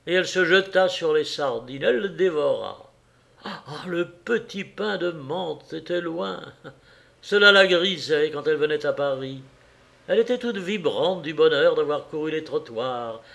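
A man narrating a classic novel as an audiobook, with a measured, expressive delivery. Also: on the high side, creaky. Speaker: audiobook reader.

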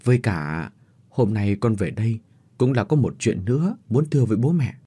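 A man's voice: lowish voice, expressive, normal speed, warm tone, slightly rough. A man voicing a humble young mother who pleads with her parents in a deferential way. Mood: pleading.

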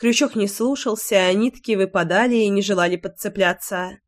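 A woman reading a first-person audiobook, lively and emotional, with sharp outbursts. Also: medium pitch, moderate pace. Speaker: audiobook narrator.

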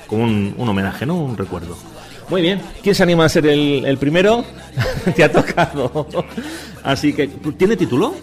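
A man's voice: on the high side, big pitch swings, normal speed, long reverb tail, soft background music. A man with an accent from Spain, hosting a casual, encouraging interview. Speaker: radio programme host interviewing a teacher and pupils.

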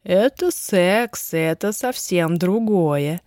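A woman voicing a wealthy young husband, ardent but guarded, in a slow, low, even delivery. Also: no echo, studio quality, natural voice. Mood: low, measured.

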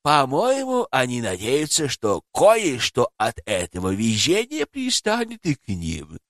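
A man's voice: medium pitch, wildly swooping pitch, measured pace, fairly bright tone, dry recording, studio quality, full character voice. A man voicing a bashful old male street vendor who stammers and hesitates. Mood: musing. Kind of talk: audiobook character voice.

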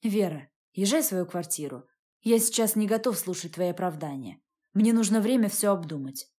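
A woman's voice: mid-range voice, expressive, normal speed, mellow, husky. A woman reading the lines of a cold, domineering wealthy man in an audiobook, speaking curtly. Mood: angry. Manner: curt and cold.

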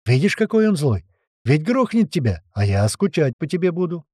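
A man voicing a flustered male mechanic who shouts and pleads over his unruly parrot. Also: a little high, sing-song, normal speed, no room sound, studio quality, pitched above the performer's own voice. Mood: shouting.

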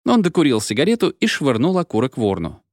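A man narrating an audiobook in an expressive storytelling manner, close to the mic. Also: medium pitch, fast, no echo. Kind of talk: scripted narration.

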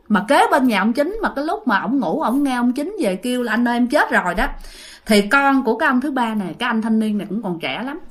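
A woman's voice: fairly high pitch, fairly bright tone. A woman with a Southern Vietnamese accent telling ghost stories in a chatty way, addressing her listeners directly. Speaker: ghost story narrator. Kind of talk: casual storytelling.

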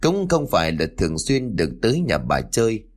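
Male narrator, low and lively, ghost story reading over faint music. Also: a little fast. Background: faint background music.

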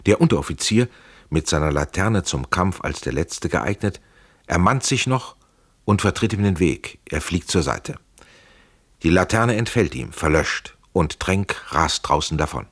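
A man's voice: deep voice, lively intonation, unhurried, a bit bright, no echo. A man narrating an audiobook in a dramatic, vivid storytelling manner, close to a studio mic.

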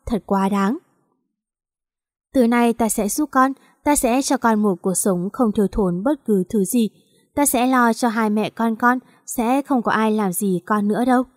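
A woman's voice: on the high side, measured pace, no echo, clean studio sound. A woman voicing a kind, protective middle-aged mother in an audio story, firm and caring.

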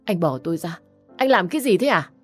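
A woman's voice: on the low side, fairly quick, warm tone, soft background music, close to an everyday voice. A tearful, desperate young woman, read by a woman. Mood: terrified. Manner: pleading, tearful.

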